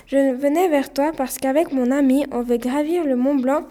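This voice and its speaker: A woman's voice: high-pitched, steady tone, moderate pace, mellow, natural voice. A woman doing an eager young girl. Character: cheerful young girl climber.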